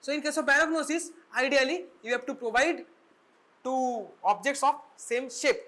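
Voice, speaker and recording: A young woman with a Bengali accent lecturing medical students in class. She moves between English and Bengali and keeps checking in with quick tag questions. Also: high voice, a bit bright.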